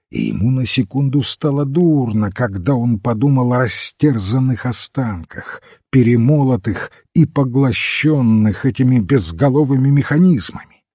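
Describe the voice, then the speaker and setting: A man narrating a detective story aloud in an expressive, dramatic manner. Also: mid-range voice, breathy edge, no echo, clean studio sound. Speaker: audiobook narrator. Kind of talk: scripted narration.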